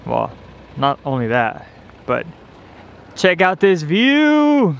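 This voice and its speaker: A man's voice: fairly high pitch, huge pitch swings, slow pace, creaky, muffled recording. Chatty travel-vlog man, teasing, recorded outdoors with wind noise on the camera mic. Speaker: vlogger. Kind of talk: casual travel vlog chat. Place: outdoors on a windy beach.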